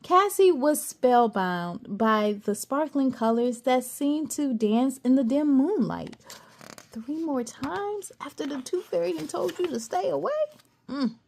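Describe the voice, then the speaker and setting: Reading a children's picture book at an unhurried pace, a woman storyteller lets her high, vocal-fried voice rise and fall with lively expression. She's animated and playful, gasping and pausing for chatty asides to the young listeners, with slight noise in the background.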